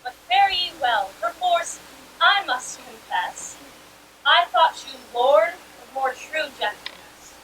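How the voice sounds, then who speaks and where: A woman's voice: high voice, animated, slow, noisy background. A teenage girl acting a hurt, spurned young woman in Shakespearean verse, earnest and reproachful. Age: teens. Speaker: stage actor.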